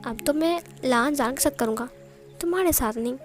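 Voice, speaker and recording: A woman's voice: sits high, fairly quick, faint music behind, natural voice. A woman voicing an emotional, teasing young man who speaks in tearful, hesitant lines in a read-aloud story.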